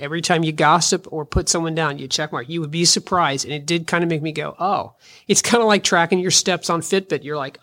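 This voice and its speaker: A woman in her fifties hosting a solo podcast, talking in an earnest, encouraging, conversational way. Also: deep voice. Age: 50s. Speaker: podcast host.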